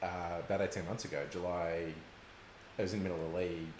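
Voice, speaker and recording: A man hosting a casual chat, easygoing and quick to laugh. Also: low-pitched, little pitch movement. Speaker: host. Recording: echoey room, faint background noise.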